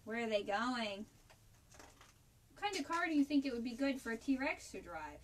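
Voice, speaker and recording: A woman's voice: a little high, lively intonation, moderate pace, far from the mic, a little hiss or hum. A woman librarian reading a picture book aloud and talking directly to children at a virtual story time. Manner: friendly, talks to children directly.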